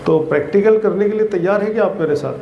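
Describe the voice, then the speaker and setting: High-voiced fatherly man addressing schoolchildren. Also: fast talker, lo-fi sound, slight background noise. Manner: fatherly, calls listeners "beta", quizzes the crowd. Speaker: motivational speaker at a school. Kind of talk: motivational talk to schoolchildren. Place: outdoor school gathering, standing in shade. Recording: roomy echo.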